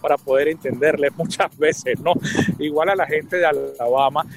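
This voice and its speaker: A man's voice: on the high side, normal speed, gravelly, soft background music, poor audio. A man chatting casually on a podcast while walking outdoors in a park, easygoing and a little hesitant.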